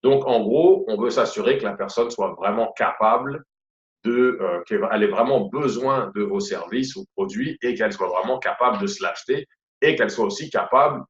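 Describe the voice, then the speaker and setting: Chatty Quebec French man teaching sales. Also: lowish voice. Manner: chatty, repeats "voilà" and "tout simplement", many fillers. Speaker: sales trainer. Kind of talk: casual online sales lesson. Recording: roomy, dull lo-fi audio.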